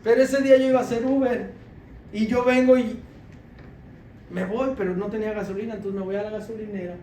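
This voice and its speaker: Preaching a sermon testimony, a deacon with a high, warm voice keeps a steady tone and brisk pace. He recounts a story with laughter and animation, dropping low to quote others, and he sounds far off in an echoey church hall with some faint ambient noise.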